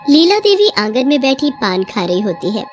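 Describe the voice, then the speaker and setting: Woman reading a spooky bedtime story, kinda high voice, light music under. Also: big pitch swings, normal speed. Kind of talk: scripted story narration.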